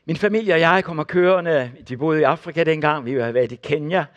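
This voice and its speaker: A man's voice: fairly high pitch, highs cut off. An older man preaching, telling testimony stories and acting out the people in them. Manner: animated storyteller acting out the people in his stories. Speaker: preacher and former missionary. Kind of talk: sermon testimony.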